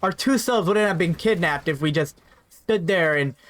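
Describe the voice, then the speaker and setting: A young man with a fairly high voice recounts a personal story in a casual storytime manner. He rambles, repeats himself and tags his sentences with "right?" asides. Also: normal speed, fairly bright tone.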